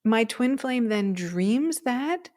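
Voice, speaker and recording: A woman's voice: fairly high pitch, lively intonation, slow pace, a little mellow. A woman co-hosting a podcast, telling a personal story in a chatty way, often tagging "right?" onto her sentences. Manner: chatty, frequent "right?" and "um" fillers. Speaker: podcast co-host. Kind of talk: casual conversational storytelling.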